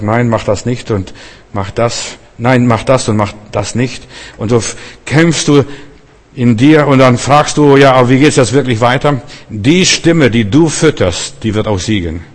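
Man preaching in a reverberant hall. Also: medium pitch. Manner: addresses listener directly with repeated exhortations. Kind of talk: sermon.

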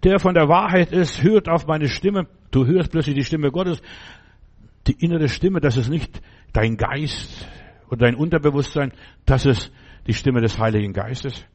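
A man's voice: fairly high pitch, unhurried, darkish tone. A man preaching a sermon, talking straight to the listener and asking again and again whether they understand. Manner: speaks to the listener directly with repeated questions; emphatic, fervent preaching.

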